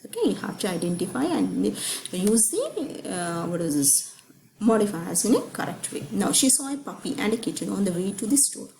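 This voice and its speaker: Woman teaching grammar, mellow voice. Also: mid-range voice, sing-song, moderate pace, vocal fry, a little hiss or hum, poor audio. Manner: explains with questions to the class, frequent restarts. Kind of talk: grammar lecture.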